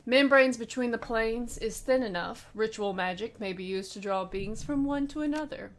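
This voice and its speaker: A woman reading the lines of a stern, formal male aide in a game, in a measured, lecturing way. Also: on the high side, close to an everyday voice. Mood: grave. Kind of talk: reading game dialogue aloud.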